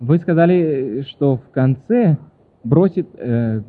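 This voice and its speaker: A man's voice: mid-range voice, animated, takes it slowly. A man preaching a sermon, reading questions aloud and answering them, often correcting himself and apologizing. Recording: tinny phone-like sound.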